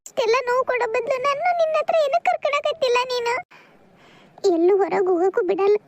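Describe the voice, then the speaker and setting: A woman voicing a gentle, grieving young village girl in a cartoon, soft-spoken. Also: extremely high pitch. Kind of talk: cartoon voice acting.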